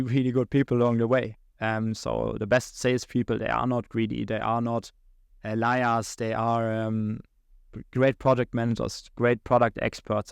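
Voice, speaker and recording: A young German man with a German accent, an account executive, is a podcast guest talking through his career. His mid-range voice is creaky yet smooth, and he's halting, with many fillers and restarts and laughs between thoughts. The sound is studio quality with no room sound.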